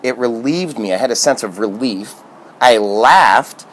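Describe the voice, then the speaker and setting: A man's voice: mid-range voice, animated, a little slow, slight background noise. Man, from Michigan, self-help vlogger, casual motivational talk, upbeat, chatty fillers.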